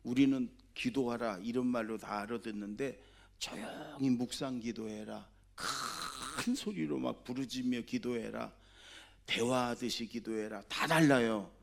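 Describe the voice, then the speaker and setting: A senior pastor delivers his Sunday sermon in a conversational style, frequently putting questions to the congregation and swinging from loud exhortation to soft asides. His voice is medium-pitched with some vocal fry, and his pace is measured.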